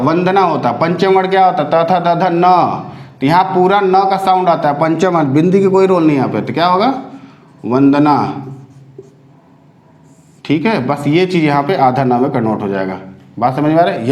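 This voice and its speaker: A male teacher with a fairly high voice leads an exam-prep spelling lesson in an echoey room. He is patient and repetitive, and he keeps checking that his students are following along. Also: a little mellow. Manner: explains patiently, repeats words and asks the class questions.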